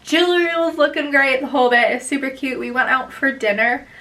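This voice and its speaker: A woman's voice: high-pitched, a little fast, bright, forceful tone, far from the mic, rough recording. A young woman vlogger chatting casually as she tells a story, bubbly and gushing, rambling on.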